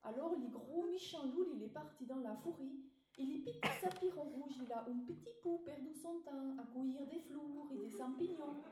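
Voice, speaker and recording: A woman comedian telling a deliberately garbled fairy tale and a comic monologue in a deadpan way. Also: sits high, slight background noise. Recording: echoey stage from a distance.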